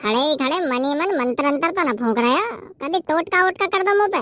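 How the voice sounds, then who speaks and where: A woman voicing a cheeky, quick-tempered young village boy in a cartoon. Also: sits high, animated, fairly bright tone, dry recording, faint music behind.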